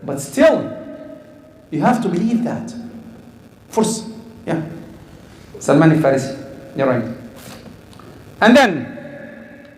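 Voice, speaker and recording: A man's voice: on the high side, very animated, takes it slowly, long pauses, darkish tone, roomy sound, rough recording. A man from Egypt preaching a sermon, asking the crowd questions, repeating words as he goes.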